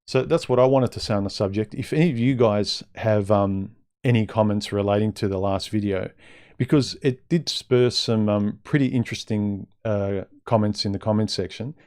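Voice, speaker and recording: A man's voice: lowish voice, normal speed, a little mellow, clear, resonant tone. A man hosting a casual livestream monologue in a blunt, conversational way, his speech slightly impeded as if he had a mouthguard in. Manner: blunt, conversational, rhetorical questions. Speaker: livestream host giving dating advice. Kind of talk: casual opinionated monologue to live chat.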